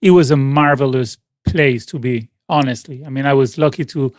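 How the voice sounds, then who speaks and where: In a mid-range voice at normal speed with no echo, a Venezuelan musician in his late forties answers questions as a guest on a casual call interview. Spanish is his first language, and he rambles with plenty of restarts and fillers.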